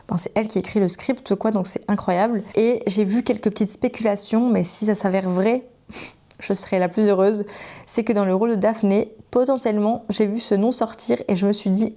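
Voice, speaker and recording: A woman's voice: mid-range voice, warm tone. A young woman in her twenties from France, chatting enthusiastically and gushingly to camera about upcoming book adaptations. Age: 20s. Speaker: book vlogger. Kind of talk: casual chat to camera.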